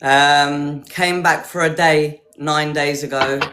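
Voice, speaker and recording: A woman's voice: deep voice, fairly even intonation, slow, noisy background. A woman from Hertfordshire, chatting casually and at rambling length on a video call. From Hertfordshire, England. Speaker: dating show contestant. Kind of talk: casual chat.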